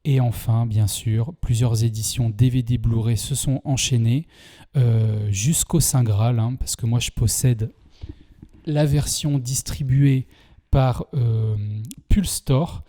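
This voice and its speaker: A man with a French accent reviews a film casually, his warm, mid-range voice slow and fairly even in intonation. The talk is chatty, riddled with hesitations, fillers and false starts.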